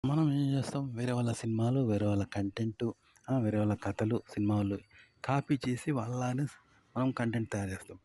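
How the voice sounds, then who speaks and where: Brief: brisk, mellow-voiced man with a Telangana accent, emphatic advice monologue, keeps repeating himself and asking rhetorical questions. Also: mid-range voice. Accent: Telangana Telugu. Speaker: content-making tips presenter.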